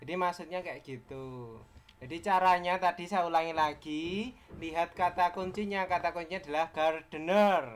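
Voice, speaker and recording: A man's voice: fairly high pitch, normal speed, smooth. A man with an Indonesian accent teaching an exam-prep lesson, explaining step by step, quizzing his students and repeating key words.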